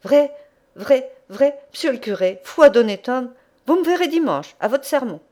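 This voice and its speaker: A woman's voice: high-pitched, expressive, moderate pace, mellow, voice pushed up. A woman voicing an earnest young peasant groom who talks in blunt country speech. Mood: eager.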